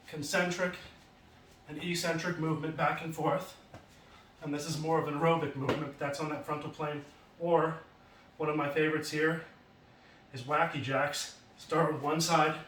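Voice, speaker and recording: A man's voice: fairly high pitch, a bit bright, slight background noise. Man coaching exercises in an echoey basement. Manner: explains while demonstrating moves, casual and plain. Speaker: fitness instructor. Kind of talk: exercise demonstration lesson. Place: home basement. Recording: roomy echo from far off, faint ambience.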